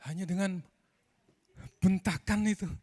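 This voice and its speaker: A man's voice: sits high, fairly even intonation, a little slow, a little mellow. A man from Indonesia, preaching a conversational storytelling sermon to a congregation, peppering his talk with casual fillers. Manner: conversational, addresses the congregation, frequent filler "gitu".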